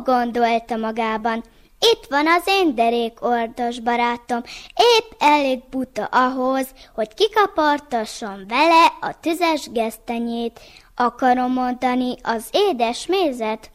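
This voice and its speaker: A woman reading a folk tale aloud in an even, careful storytelling manner. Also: sits high.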